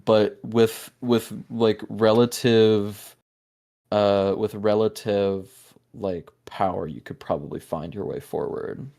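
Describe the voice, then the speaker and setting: A man's voice: fairly low pitch, fairly even intonation, slow, vocal fry, mellow. A man narrating as game master in a tabletop game, talking casually with many fillers and restarts.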